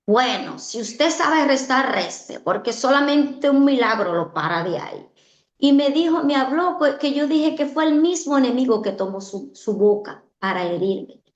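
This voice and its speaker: A woman with a somewhat high voice tells an earnest personal testimony, circling back to the same phrases again and again. The room is echoey and the sound is a little dull, like a modest recording. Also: lively intonation, normal speed. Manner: earnest, repeats phrases for emphasis. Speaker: guest giving a testimony.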